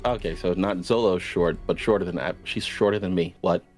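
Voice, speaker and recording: Man, fairly low pitch, tabletop player, casual banter and role-play replies. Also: brisk, darkish tone, faint music behind. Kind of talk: casual chat and in-character replies.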